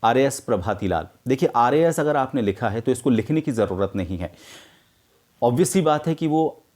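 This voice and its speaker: A middle-aged man teaching script writing for news, explaining in a measured way with frequent hesitations. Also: mid-range voice, animated, darkish tone. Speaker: media teacher. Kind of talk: explaining script mistakes to camera.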